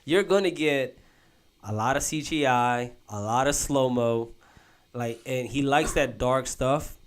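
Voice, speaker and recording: A young man hosts a laid-back podcast, talking in loose, animated runs and often restarting. He drops "bro" into almost every thought. His voice sits at an ordinary middle pitch, close to the mic. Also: measured pace, clean tone. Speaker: podcast host. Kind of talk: casual chat.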